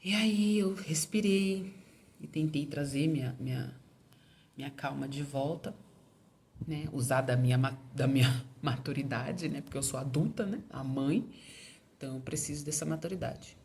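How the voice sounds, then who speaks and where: A woman with a low voice tells a family story to her viewers in a relaxed, chatty way. She lifts her pitch when she acts out what others said. Faint background noise can be heard under her voice. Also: normal speed. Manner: animated retelling, acting out quoted lines with raised pitch. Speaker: mother telling about her son.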